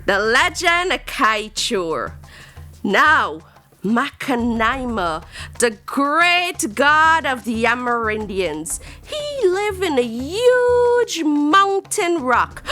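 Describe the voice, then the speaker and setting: Hosting storytime for kids, a Guyanese-accented woman speaks with theatrical exclamations and stretched-out emphasis. Her voice sits high and has a sharp tone.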